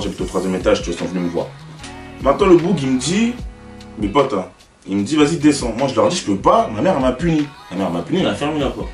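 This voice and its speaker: A young man with a French accent, a YouTuber telling stories in a casual, slangy, animated way and talking straight to the viewer. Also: mid-range voice, recorded from a distance. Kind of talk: casual storytelling to camera. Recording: roomy, away from the mic, faint music.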